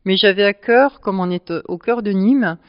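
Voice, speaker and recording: A woman who presides over a charity club, answering interview questions at length and pausing often to find her words. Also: medium pitch, no echo. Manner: explanatory, speaks at length with frequent hesitations. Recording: dull lo-fi sound.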